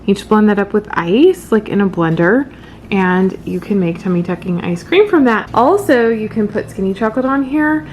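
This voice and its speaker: A woman's voice: mid-range voice, expressive, normal speed, a little mellow, slight background noise. A woman talking casually to viewers in a home cooking vlog, explaining things in an informal, improvised way. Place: home kitchen.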